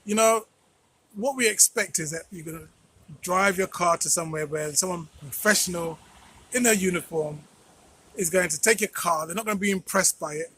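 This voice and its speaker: High-pitched, husky male commentator. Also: moderate pace, bright, forceful tone. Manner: rhetorical questions and repeated phrases. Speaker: host of a commentary channel. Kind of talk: conversational political commentary.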